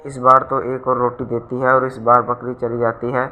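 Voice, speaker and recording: A man narrating a scripted moral story in an even, steady way. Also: mid-range voice, moderate pace, highs cut off, faint music behind.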